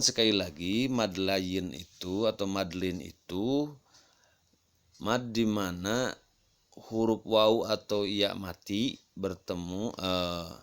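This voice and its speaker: A man teaching children a reading lesson, patiently repeating words slowly, with an Indonesian accent. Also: fairly low pitch.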